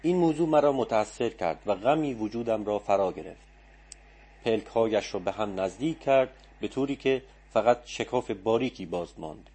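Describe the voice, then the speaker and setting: A man reading a literary story aloud as an audiobook narrator, in a calm, reflective manner. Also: lowish voice, breathy edge. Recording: faint background music.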